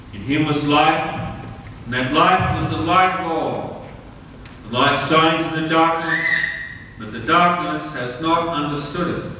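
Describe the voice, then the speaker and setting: Man, solemn measured scripture reading, pulpit microphone, fairly high voice, booming church echo. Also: sharp tone, slight background noise. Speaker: reader at a church service. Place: large church. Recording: echoey church hall, distant mic.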